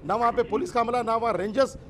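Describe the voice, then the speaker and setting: A middle-aged man in a heated television debate, his voice pitched very high as he talks over others. He hammers the same rhetorical questions again and again, angry and relentless. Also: fairly even intonation, fast talker, a bit bright. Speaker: political party guest.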